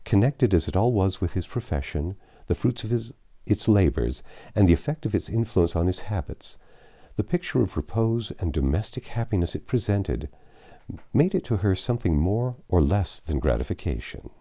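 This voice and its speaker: Classic literary fiction is read aloud here by a low-pitched male narrator whose audiobook delivery is measured and expressive.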